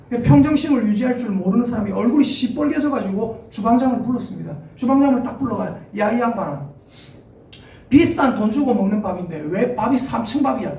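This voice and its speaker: A man's voice: very high voice, a little hiss or hum. A middle-aged male pastor preaching a sermon, telling funny stories and asking the congregation questions. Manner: lively, humorous storytelling with laughs and audience questions. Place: church sanctuary. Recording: echoey church hall from far off.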